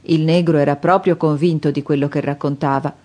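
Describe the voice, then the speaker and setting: A woman reading an audiobook in a calm, steady storytelling manner. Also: deep voice, brisk. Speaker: audiobook narrator. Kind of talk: scripted audiobook narration.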